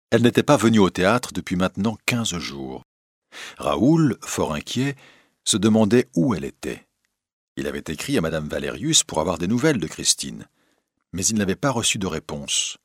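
A man narrating a storybook in a measured, even way. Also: deep voice, no room sound, studio quality.

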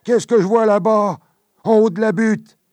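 A man voicing a drunk, loud and jovial tavern friend with a thick, slurred voice. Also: sits high, fairly even intonation, normal speed, no echo, pitched above the performer's own voice, lightly acted. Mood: boisterous.

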